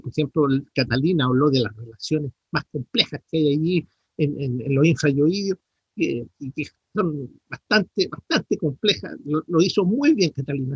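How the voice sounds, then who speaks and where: A man's voice: on the high side, husky, no room sound, lo-fi sound. A middle-aged man with a Chilean accent, a dentistry professor giving feedback in an online class and correcting terms with many tag questions. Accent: Chilean Spanish.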